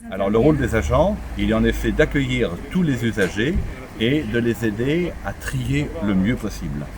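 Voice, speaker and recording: Interviewed on site at an outdoor recycling center, a middle-aged local official with a French accent talks with lots of fillers and restarts. His voice is medium in pitch, animated, and moderately paced, with outdoor crowd noise in the recording.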